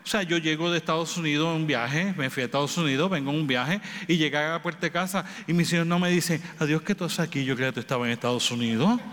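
A man preaching a sermon, with repeated phrases and rhetorical questions, swinging between raised and low delivery. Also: fast talker, few pauses, a bit bright. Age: adult with children. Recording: reverberant hall with faint background noise.

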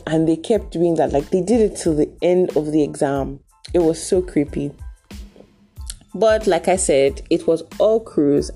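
A young Nigerian woman with a Nigerian accent telling a story in a casual, animated vlog, talking straight to her viewers. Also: low voice. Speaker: vlogger.

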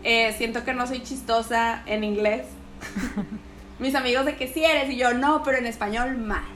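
Speaking with a Mexican accent, a young Mexican woman chats casually as an interview guest, her talk full of slang and animated as she acts out what others said in their voices. Her voice sits on the high side at a moderate pace, with a little hiss or hum in the audio.

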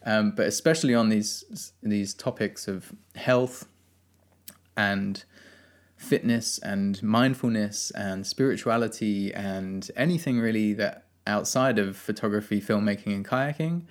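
A man's voice: fairly low pitch, a little slow. A young man hosting a solo podcast, talking in an earnest, rambling way with many ums and uhs. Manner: soft-spoken, rambling, earnest, with many fillers. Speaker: podcast host.

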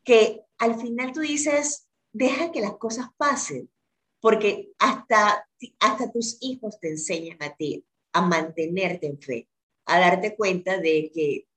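A woman's voice: medium pitch, takes it slowly, a bit bright. A woman who is a guest in an interview, telling a personal story in an earnest way and often repeating words for emphasis.

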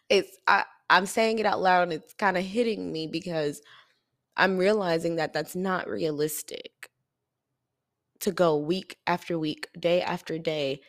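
A woman's voice: fairly low pitch, dry recording, studio quality. Earnest, tired woman podcaster. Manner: earnest, confiding, with soft laughs. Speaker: podcast host. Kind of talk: reflective solo podcast talk.

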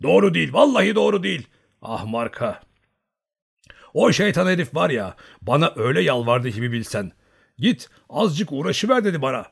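A man voicing a boisterous old male hunter who teases loudly and boasts with hearty bluster. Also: on the high side, sing-song, normal speed, creaky, slightly rough, pitched above the performer's own voice, heavily acted. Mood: teasing. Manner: hearty, bantering, loud.

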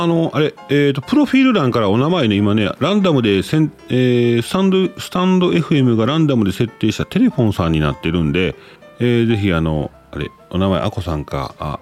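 Man, 30s, casual show host, chatty, low voice, lively intonation. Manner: chatty, reads listener letters aloud, self-correcting. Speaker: podcast host. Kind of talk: casual radio-style chat.

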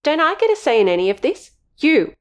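A woman's voice: expressive, fairly quick, clean tone. A woman reading an audiobook, voicing a stern, suspicious middle-aged mother who speaks in an accusing tone. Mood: indignant. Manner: accusing, high-pitched and loud.

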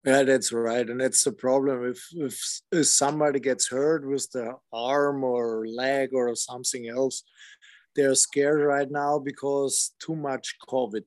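A man with a German accent chatting in halting English on a video call, searching for his words. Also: mid-range voice, steady tone, darkish tone, dry recording. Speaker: friend. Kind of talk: casual chat.

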